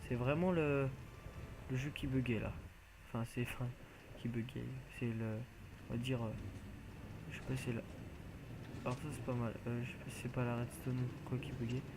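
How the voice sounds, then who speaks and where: A man's voice: mid-range voice, fairly even intonation, moderate pace, pauses often, noisy background. A man giving casual, rambling commentary as he plays a video game, hesitant and full of filler sounds. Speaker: video game let's player.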